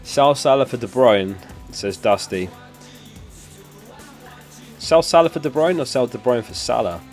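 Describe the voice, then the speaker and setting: Faint music sits behind a young man whose mid-range voice is unhurried, darkish and lively in intonation. He's a streamer hosting a live broadcast, chatting casually and answering chat's questions while recovering from losing his voice.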